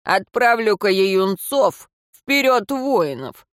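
A narrator voicing a cruel, scheming male royal advisor who speaks in a slow, mocking way. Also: medium pitch, very animated, fairly bright tone, no room sound, clean studio sound. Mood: sneering. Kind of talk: audiobook character voice.

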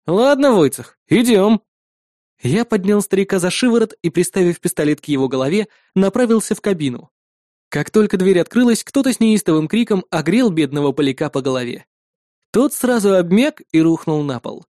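Male narrator for a first-person audiobook, calm storytelling, dry close sound. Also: high-pitched, a little fast, dry recording.

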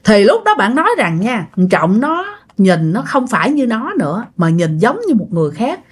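A woman's voice: medium pitch, sing-song, normal speed, breathy edge. Chatty woman telling ghost stories. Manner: chatty, addresses listeners directly. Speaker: storyteller. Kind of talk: casual ghost story narration.

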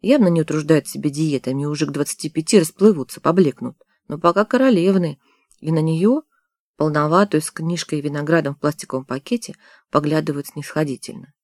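An audiobook narrator reading a novel in a steady storytelling manner on a close studio mic. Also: medium pitch, fairly quick, dry recording. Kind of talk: scripted narration.

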